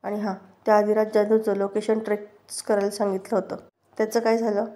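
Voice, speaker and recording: A woman's voice: mid-range voice, little pitch movement, a little fast, dark tone, close to an everyday voice. A woman voicing a stern male police inspector who issues orders, read in a recap. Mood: commanding. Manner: commanding, issuing orders.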